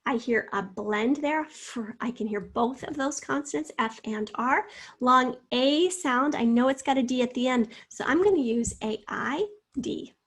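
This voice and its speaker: A woman teacher with a slightly high voice walks students through a spelling lesson. She draws out each syllable slowly and speaks to them in an encouraging way. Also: fairly bright tone, slightly rough. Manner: slow, drawn-out sounding out of words; encouraging, addresses students directly.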